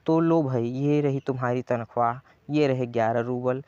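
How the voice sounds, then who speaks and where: Man reading an irate household master who shouts in a trembling voice; middling pitch, dull recording. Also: normal speed, smooth, no room sound, close to an everyday voice. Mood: mock generous. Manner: shouting, voice shaking with rage. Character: angry cheating male household master.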